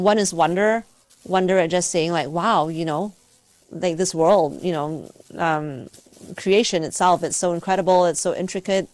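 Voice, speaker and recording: Low-voiced and recorded with no echo, this Malaysian woman appears as an interview guest; she's a scientist and university teacher. She answers reflectively and conversationally, hesitating while she looks for words.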